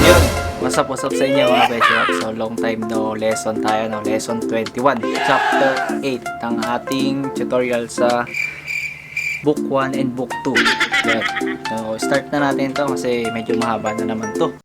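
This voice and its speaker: A man's voice: medium pitch, steady tone, a little slow, loud music behind the voice. A man from the Philippines giving a casual, chatty language tutorial, laughing and thinking aloud as he goes.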